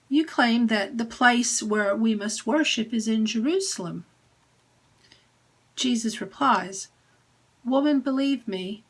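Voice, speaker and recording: An English woman minister giving a gentle, deliberate recorded sermon message. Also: on the high side, low-quality recording.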